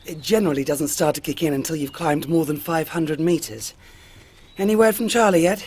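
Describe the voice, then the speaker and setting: An actress playing a brusque, practical woman in an audio drama, with a husky voice and deadpan, clipped delivery. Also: low voice, a little fast. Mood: brisk, practical. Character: brusque, practical, dry-witted woman who takes charge.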